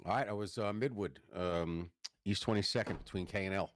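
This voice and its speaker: Low-voiced New York man, dry sound. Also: no echo. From Long Island, New York. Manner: relaxed, halting with fillers. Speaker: podcast guest. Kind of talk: casual interview chat.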